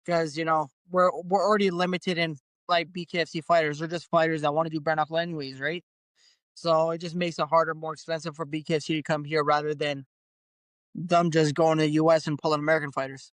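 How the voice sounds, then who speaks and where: A man's voice: fairly high pitch, little pitch movement, fast, a bit bright, clean tone, no echo. A man being interviewed as a bare knuckle fighter, talking in an easygoing way and laughing often. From Canada. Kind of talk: casual interview.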